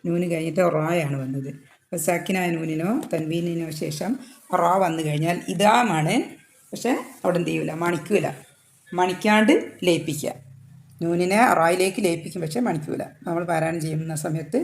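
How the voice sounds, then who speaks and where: A woman teaching Quran recitation rules, explaining step by step and chanting the verses slowly. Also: sits low, a little mellow. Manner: explains step by step, asks and answers own questions; slow drawn-out chanted recitation. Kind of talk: tajweed lesson.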